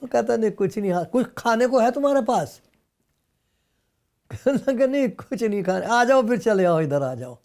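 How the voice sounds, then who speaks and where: A man's voice: sits high, expressive, gravelly, darkish tone. A male pastor preaching a sermon, retelling scripture and acting out the dialogue in the scenes, at times rising to emphatic outbursts. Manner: storytelling, acting out dialogue between Jesus and Peter.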